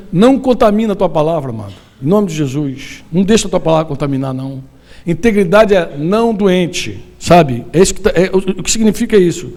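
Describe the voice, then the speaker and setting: A Brazilian pastor preaching a sermon to a gathering of church leaders, lively and colloquial, tossing questions to the audience. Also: male voice, high-pitched. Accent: Brazilian Portuguese. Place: conference hall.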